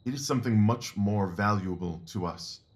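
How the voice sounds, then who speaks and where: A man with a fairly low, natural voice acts as a sharp, self-assured Victorian detective in an audio drama. He speaks precisely and deliberately, sounding absorbed and brisk.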